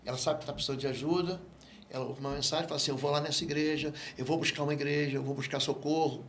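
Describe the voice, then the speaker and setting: A Brazilian man speaking as a guest pastor in an interview, with a voice pitched a little high for a man. He explains and teaches in an animated, storytelling way, slipping into other voices for dialogue. A faint hiss sits under the recording. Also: very fast. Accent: Brazilian Portuguese. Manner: animated storyteller who acts out quoted dialogue. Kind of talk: interview, teaching on spiritual matters.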